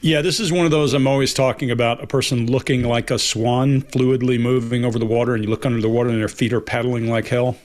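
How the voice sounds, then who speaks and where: A man's voice: mid-range voice, fast, hardly any pauses. Confident man with vivid commentary. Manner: animated and confident, uses vivid imagery. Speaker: body language analyst. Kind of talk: casual panel commentary.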